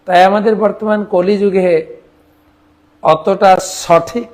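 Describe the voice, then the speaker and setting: Slow-speaking man preaching a sermon. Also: sits high, fairly even intonation, a little mellow. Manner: chants the mantra in a singsong rhythm between spoken teaching; imitates other regions' pronunciations. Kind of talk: devotional sermon.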